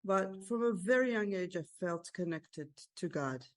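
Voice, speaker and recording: A woman's voice: fairly low pitch, lively intonation. Hesitant woman with an Israeli accent. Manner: thoughtful, hesitant, many pauses and restarts. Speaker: guest.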